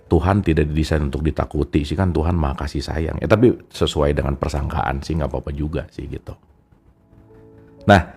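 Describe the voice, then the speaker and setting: A man with a dark, slightly rough bass voice and vocal fry talks casually about a self-help book. He chats directly to his listeners as though they were friends, in an informal spoken book discussion.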